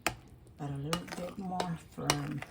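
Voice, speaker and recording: A woman's voice: deep voice, fairly even intonation, slow, creaky, heavy background noise. A woman hosting a casual cooking vlog, chatty and affectionate with her viewers, humming as she tastes the food. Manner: chatty, affectionate, addresses viewers as "you guys" and "my doves"; savors food aloud with hums while eating. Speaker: cooking channel host.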